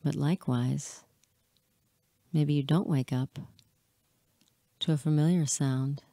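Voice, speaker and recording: Short phrases separated by pauses come from a woman hypnotist whose low, soft voice stays relaxed, very slow and soothing as she guides her listeners. She sounds close, in a dry recording with no surrounding room.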